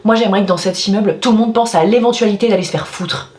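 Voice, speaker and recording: A woman's voice: mid-range voice, quick pace, darkish tone. A woman vlogger venting to her viewers in a casual, exasperated way, with theatrical outbursts and swearing. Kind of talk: venting to camera, casual vlog. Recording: echoey room with faint music.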